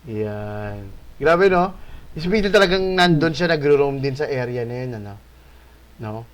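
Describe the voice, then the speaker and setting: A male host telling a spooky encounter in a casual, animated way, swearing and adding tag questions. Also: medium pitch, unhurried. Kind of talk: casual storytelling of a ghost encounter.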